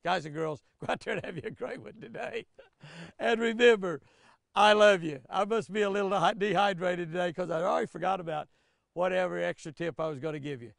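A man's voice: high voice, a little fast, vocal fry, no echo, studio quality. An older man giving a folksy, chatty devotional and fishing tip outdoors on a lapel mic. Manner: folksy, chatty, lively, laughs often. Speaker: devotional host and fishing guide. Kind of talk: folksy daily devotional reading. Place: outdoors by a flowering tree.

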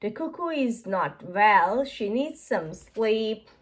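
A woman voicing a kindly, patient father pig in a children's storybook, in a slightly lowered, calm explaining tone. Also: takes it slowly, breathy edge, exaggerated voice. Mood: jolly. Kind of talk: children's storybook read-aloud.

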